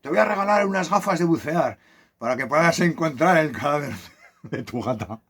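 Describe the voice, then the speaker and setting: A man's voice: on the high side, expressive, moderate pace, fairly bright tone, a little hiss or hum, pitched above the performer's own voice. A man voicing a worried young man who lives on a boat and repeats a threat against his cat in a plaintive voice, recorded on a phone.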